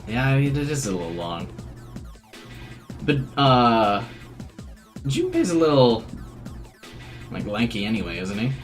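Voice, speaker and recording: Male playthrough host: casual commentary and read-aloud narration, mid-range voice, animated intonation, game music behind. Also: mid-range voice, a little slow, pauses often. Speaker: game player reading dialogue and commenting.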